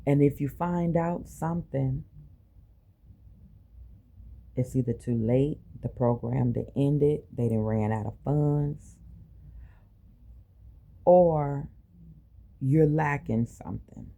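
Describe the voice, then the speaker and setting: Woman talking real slow n emphatic, super dark mellow voice, informal personal rant w lots of rhetorical questions. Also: a bass voice, creaky. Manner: colloquial, informal phrasing. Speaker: medical clinic worker. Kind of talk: impassioned personal monologue.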